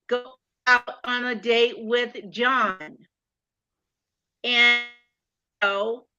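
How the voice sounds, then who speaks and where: A woman's voice: fairly high pitch, bright, forceful tone, muffled recording. A woman hosting a live online dating game, her video-call audio choppy and cutting in and out. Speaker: game show host.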